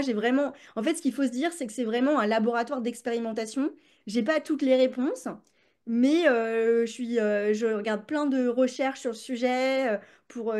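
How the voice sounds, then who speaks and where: A woman who works as a creativity coach chats as a guest in a casual podcast interview, with many fillers and restarts. Her voice is a little high with a darkish tone.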